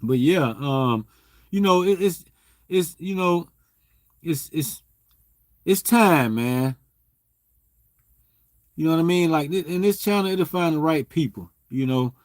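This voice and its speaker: A man's voice: on the high side, lively intonation, slow, pauses often, dry recording. Rambling man on a livestream. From Southern US. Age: 40s. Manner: rambling, heavy on fillers and "you know what I'm saying". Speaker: livestream host. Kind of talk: casual livestream chat.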